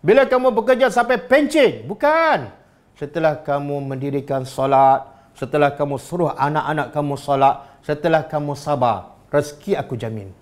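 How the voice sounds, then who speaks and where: A man with a Malaysian Malay accent preaching a religious lecture, firing rhetorical questions at his listeners in an animated way. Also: fairly high pitch, normal speed.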